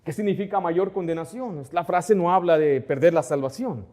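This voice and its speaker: A middle-aged man preaches a sermon in a fairly high voice. He keeps turning to his listeners with rhetorical questions. He acts out the back-and-forth of his anecdotes as he goes. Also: normal speed, darkish tone. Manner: asks the congregation rhetorical questions; acts out dialogue within anecdotes. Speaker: pastor.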